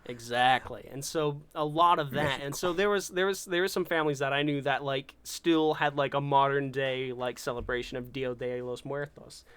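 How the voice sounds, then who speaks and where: A man's voice: mid-range voice, steady tone, moderate pace, hardly any pauses, a bit bright, smooth, no echo. A man from California co-hosting a podcast, chatting casually and rambling with many restarts. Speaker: podcast co-host. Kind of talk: casual chat.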